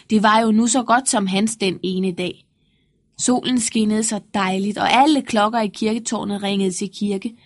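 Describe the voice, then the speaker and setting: Woman reading a fairy tale aloud. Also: medium pitch. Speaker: narrator.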